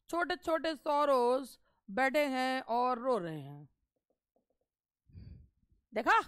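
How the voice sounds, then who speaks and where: A woman English teacher running a live online exam-prep class, reading lines slowly and deliberately and playfully scolding her students. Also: high-pitched, clean tone, no room sound, studio quality.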